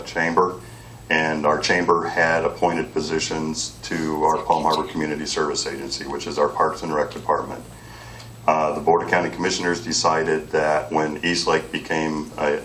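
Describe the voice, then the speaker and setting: Man, 40s, candidate, very low voice, earnest with fillers, distant mic. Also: fairly bright tone. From Clearwater, Florida. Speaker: political candidate. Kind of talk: campaign speech. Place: meeting room. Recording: distant mic with faint background noise.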